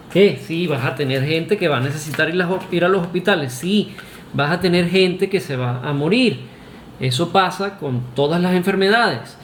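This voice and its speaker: A man's voice: a little high, slight background noise. Argumentative Venezuelan man in echoey room. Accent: Venezuelan Spanish. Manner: argumentative, emphatic, with filler "este" and restarts. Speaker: vlogger. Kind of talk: opinion monologue to camera.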